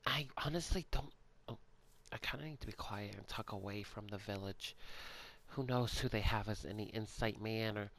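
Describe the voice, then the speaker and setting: Sleepy, hesitant young-sounding man gaming. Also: fairly low pitch. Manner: hesitant and soft-spoken, many ums and sighs. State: yawning, sleepy. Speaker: gaming channel creator. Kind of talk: casual in-character game role-play.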